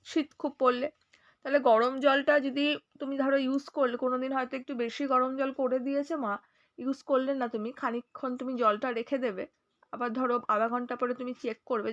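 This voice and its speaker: A woman with a Bengali accent teaching a science lesson, a little unwell and speaking softly. She reads questions aloud, then explains each step and checks that students follow. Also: high-pitched, lo-fi sound.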